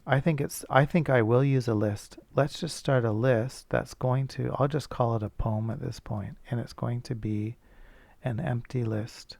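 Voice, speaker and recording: A man's voice: medium pitch, fairly even intonation, a little slow, vocal fry, a little mellow, no echo. A male teacher thinking aloud as he works through a coding problem, casual and self-correcting. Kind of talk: screencast coding lesson.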